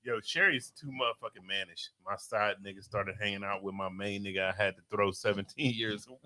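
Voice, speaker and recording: A man's voice: on the low side, a little fast, pushed and bright. A man co-hosting a podcast, teasing the others and laughing as he egs them on. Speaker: podcast co-host. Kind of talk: casual banter.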